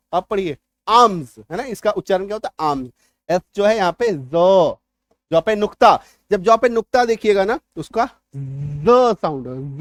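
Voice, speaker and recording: A man's voice: sits high, no echo, clean studio sound. A man who is an English teacher, giving a spoken lesson on pronunciation. He spells words out letter by letter and keeps checking in with his students with little tag questions. He is still recovering from an illness. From India. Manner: explanatory, repeats "है ना" and "ठीक है" to check understanding; spells out letters slowly and stresses correct pronunciation.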